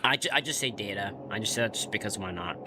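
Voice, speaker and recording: Lively man joking through a game stream. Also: lowish voice, quick pace, noisy background. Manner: jokey, reacts to the game and reads its text aloud. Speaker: livestream host. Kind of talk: casual gaming commentary. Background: game music.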